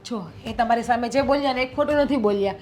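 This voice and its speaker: A woman acts out a wife who argues back patiently, pleading and reasoning with a short-tempered husband in a Gujarati accent. Her voice is high-pitched. It is a scripted family drama scene. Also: quick pace, soft background music, close to an everyday voice. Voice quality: pleading, reasoning, sharp comebacks. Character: patient wife defending her young brother-in-law. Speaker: sister-in-law and wife in the family.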